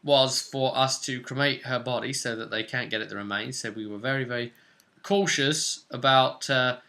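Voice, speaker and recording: Bright-voiced British man recapping a game. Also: medium pitch, normal speed, vocal fry. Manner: rambling, animated storytelling with fillers. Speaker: podcast host recapping a tabletop game session. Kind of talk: casual recap chat.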